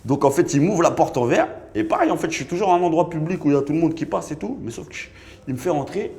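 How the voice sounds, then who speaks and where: A man, a rapper, casually telling a personal story in an animated, slangy way, acting out bits of dialogue as he goes. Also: fairly high pitch, fast talker. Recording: echoey room with faint ambience.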